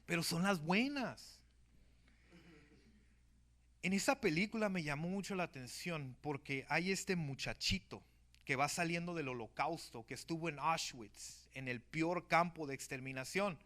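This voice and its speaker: Man preaching a church sermon, pitched a bit high, bright and forceful, keeps calling out to the brethren. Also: measured pace. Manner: emphatic, often calls out to the brethren. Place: church service.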